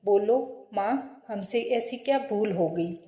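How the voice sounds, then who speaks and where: A woman voicing a kind, devout old mother-in-law in a spoken storybook tale, gently pleading. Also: medium pitch, takes it slowly, natural voice. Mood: grieving. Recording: roomy echo.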